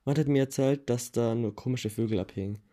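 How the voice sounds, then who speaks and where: A man reading a first-person novel aloud in a plain, steady way, with small self-corrections now and then. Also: mid-range voice, brisk. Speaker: audiobook reader.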